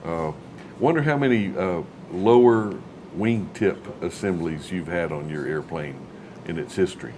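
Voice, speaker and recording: A man's voice: low-pitched, moderate pace, noisy background. A man chatting casually as an interviewer, with a folksy, rambling way of asking questions. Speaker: interviewer, host.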